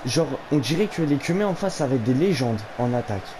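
Frustrated, ranting young gamer. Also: male voice, medium pitch, expressive, fast. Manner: frustrated gamer complaining and ranting about the game. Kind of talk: casual gameplay commentary. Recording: noisy, game sound behind voice. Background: football video game ambience.

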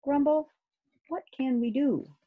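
A woman's voice: high-pitched, takes it slowly, phone-quality sound, pitched above the performer's own voice. A woman reading aloud and voicing a sensible, scolding young girl in a storybook. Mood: anxious. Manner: scolding, earnest.

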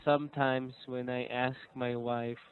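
A man's voice: medium pitch, little pitch movement, measured pace. A man in his thirties teaching an English lesson over a call, patient and encouraging, laughing often. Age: 30s. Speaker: English tutor. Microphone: video call. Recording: tinny phone-like line.

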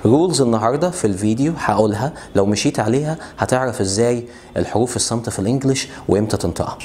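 A man with an Egyptian Arabic accent gives a friendly, lively pronunciation lesson, repeating each word slowly so the viewer can copy it. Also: medium pitch, slight background noise. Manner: lively, drills words by repeating them slowly; friendly, talks straight to the viewer. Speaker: English teacher.

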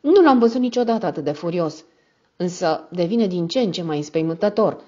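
A woman's voice: lowish voice, expressive, mellow, lo-fi sound. A woman voicing an anxious, apologetic young male secretary who speaks earnestly and with worry.

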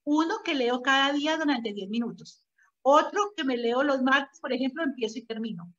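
A preschool teacher with a high-pitched, fairly bright voice speaks at a moderate pace in a conversational interview, explaining her ideas and sharing anecdotes from her classroom. The audio is dull and lo-fi.

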